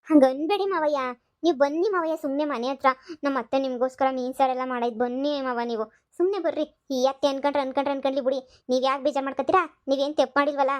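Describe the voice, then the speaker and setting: A sly young village maid sweet-talks and coaxes in a cartoon comedy, as a woman voices her. The voice sits high and the talk runs quick. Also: fairly even intonation, close to an everyday voice. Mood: coaxing. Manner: high-pitched, coaxing and wheedling.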